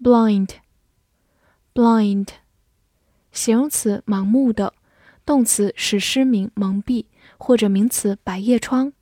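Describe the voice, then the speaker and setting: A woman teacher reviewing English vocabulary, saying each word twice slowly before calmly giving its meanings. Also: fairly high pitch, no echo, studio quality. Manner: says each word twice slowly, then calm definitions.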